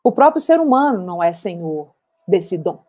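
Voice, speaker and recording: An actress playing an older woman war veteran who recounts her memories in a measured, reflective dramatic monologue. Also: lowish voice, very animated, mellow. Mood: sober.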